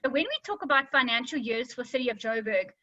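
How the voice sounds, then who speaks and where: A woman, a lawyer, giving a clear explanatory webinar talk with a slight slur from recent dental work. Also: fairly high pitch, lively intonation, fast talker, pushed and bright, dry recording, muffled recording. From South Africa. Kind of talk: webinar presentation.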